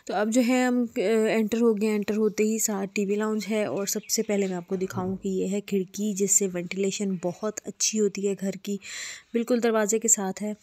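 A woman's voice: mid-range voice, warm tone. A woman from Pakistan giving a casual home tour while filming on her phone, chatting with frequent fillers and restarts. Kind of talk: casual walkthrough narration. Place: apartment rooms indoors. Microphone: phone camera held while walking.

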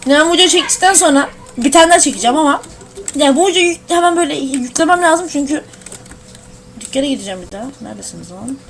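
A young woman giving casual gameplay commentary at her home computer, excitable and swearing at the game. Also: high-pitched, fast talker. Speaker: gamer streaming a shooter.

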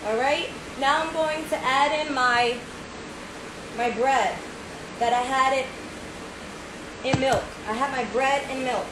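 Slow and steady, with many pauses, a woman in her thirties with a high voice guides viewers through a casual home cooking video, chattily asking "right?" again and again. She's filmed indoors in her home kitchen on a phone camera at arm's length, with echo and noise around her.

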